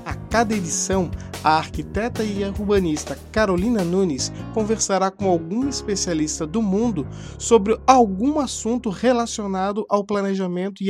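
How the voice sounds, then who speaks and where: A man's voice: high voice, darkish tone. A man moderating a podcast, opening it with a formal, scripted introduction and calling on the guests. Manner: formal, announcing.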